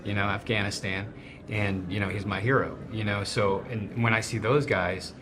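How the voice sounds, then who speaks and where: Against a noisy background, a man with a lowish voice and fairly even intonation talks as a guest in a casual chat. He owns a restaurant, works as a chef, grew up in a snowy region, and speaks with enthusiasm in quick bursts full of restarts.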